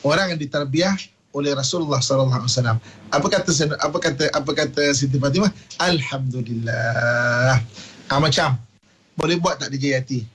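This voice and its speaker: A man with a Malaysian Malay accent giving a radio religious talk, telling stories with lively acted-out quotes. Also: on the high side, fast talker, slight background noise, poor audio. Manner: animated storyteller, acts out quotes, laughs often.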